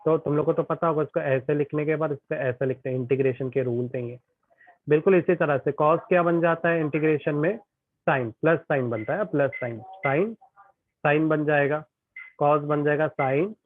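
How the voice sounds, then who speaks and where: A man's voice: a little high, no room sound. Chatty male tutor over a tinny line. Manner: chatty, keeps checking if students follow. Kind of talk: online class explaining physics problems. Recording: tinny phone-like online class audio.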